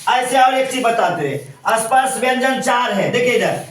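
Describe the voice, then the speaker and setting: A man's voice: extremely high pitch, expressive, normal speed, a bit bright, slight background noise. A male teacher giving a classroom grammar lesson, repeating points and asking questions constantly. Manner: repetitive, asks questions constantly. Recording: echoey room, voice from far off.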